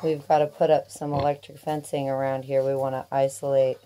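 A woman chatting casually as she films her family farm outdoors on a handheld phone, gentle with the animals. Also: rumbling low, little pitch movement, fairly quick. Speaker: homesteader filming family farm. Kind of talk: casual narrated farm vlog. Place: outdoors on a farm, in a small livestock shelter.

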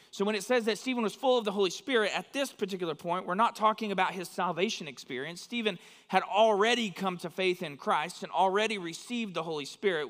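A man's voice: sits high, a bit bright. A man from West Texas, preaching a sermon in a church in a conversational way and often checking in with his listeners. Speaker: pastor. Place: church sanctuary. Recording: long hall reverb.

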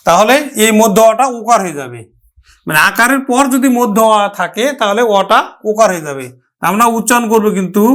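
A man's voice: high voice, a bit bright. A man teaching a pronunciation lesson, sounding out words syllable by syllable and asking and answering his own questions. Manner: slow, drawn-out syllable-by-syllable modelling of words.

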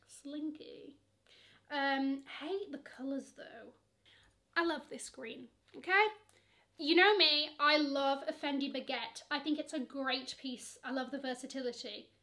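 A high-sitting, sharp-toned voice belongs to a young English fashion vlogger who takes her time. She gushes sassily about luxury online purchases, dubbing bags "she," while seated at her camera in a bedroom full of shoe shelves.

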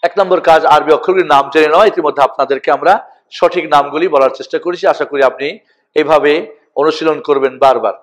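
A man teaching a lesson, slowly calling out each letter name for listeners to repeat. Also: a little high, steady tone. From Bangladesh. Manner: slow, deliberate, spells out each letter name for repetition. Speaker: Quran teacher. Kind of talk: recitation lesson with call-and-repeat.

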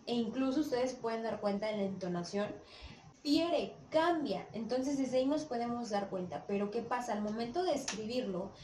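A woman teacher with a Mexican Spanish accent explains a lesson at an unhurried pace, often stopping to ask whether her students follow. Her slightly high voice is picked up from some distance. The room around her is echoey, with a faint murmur of background sound. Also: darkish tone, a little hiss or hum. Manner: checks understanding with frequent "¿sí?" and "¿sale?". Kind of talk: classroom lesson.

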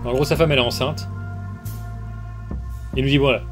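A man's voice: medium pitch, fairly even intonation, moderate pace. A man streaming a game, casually reading the dialogue aloud and reacting with amused asides on a basic microphone. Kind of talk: casual let's-play commentary. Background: faint background music.

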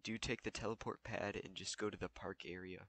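He's a young creator of gaming tutorials, casually walking through a game as he plays, loose and full of fillers while he thinks aloud. The low voice is a bit bright with fairly even intonation and a fairly quick pace, and the recording is dry.

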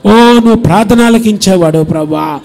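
A pastor from India preaching and leading prayer, moving from soft, murmured urging to loud, impassioned pleading. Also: male voice, high-pitched, normal speed, gravelly. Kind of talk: sermon with altar call and prayer. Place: church sanctuary.

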